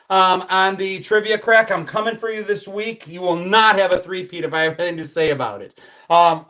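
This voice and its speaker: This livestream host is a U.S. man in his fifties whose voice sits high. He chats in a relaxed way, reads out comments from viewers, and wanders through his thoughts with many restarts.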